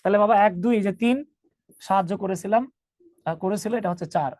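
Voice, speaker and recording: A man's voice: sits high, moderate pace, a little mellow, dry recording. A man teaching an online English grammar class, joking with students and calling them 'baba'.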